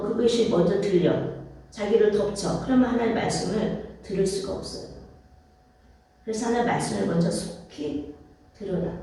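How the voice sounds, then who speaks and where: A female pastor delivers a sermon in a church sanctuary with a soft, warm, medium-pitched voice. She repeats phrases, poses rhetorical questions to listeners, and draws amens from the congregation. She's off-mic and distant, in a very echoey church hall.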